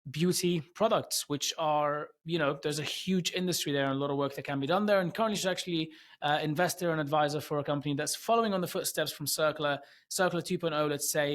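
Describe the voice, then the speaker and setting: Effusive man hosting a podcast interview. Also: mid-range voice. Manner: effusive, quick to exclaim wow and gosh; hesitant with fillers and restarts in long intros. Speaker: podcast host. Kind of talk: casual interview chat.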